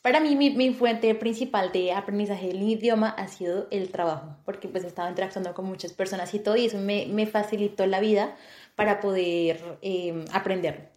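A woman co-hosting a podcast, telling anecdotes in an animated way, laughing and acting out sounds. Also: medium pitch, brisk, echoey room. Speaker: podcast co-host. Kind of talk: casual chat.

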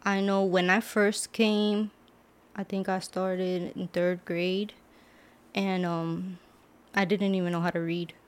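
Casting note: young woman guest, lowish voice, loose chatty delivery full of fillers, studio interview. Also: flat delivery, takes it slowly. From Brooklyn, New York. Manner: casual, many "like" fillers. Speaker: guest, author and medical assistant. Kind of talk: casual interview. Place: podcast studio.

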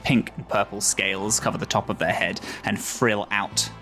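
A man narrating a tabletop role-playing game as game master, slowly describing scenes. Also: lowish voice, steady tone, sharp tone, soft background music.

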